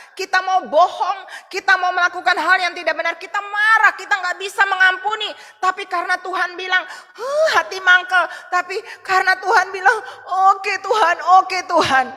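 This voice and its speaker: A woman pastor preaching a sermon in an animated way, acting out the voices she quotes. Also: extremely high pitch, in a large hall. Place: church hall.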